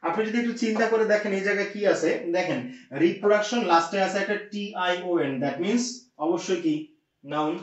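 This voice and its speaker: High-voiced man teaching grammar, echoey. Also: brisk. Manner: explains step by step with frequent rhetorical questions to students. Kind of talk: online grammar lesson. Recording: echoey distant lo-fi room sound.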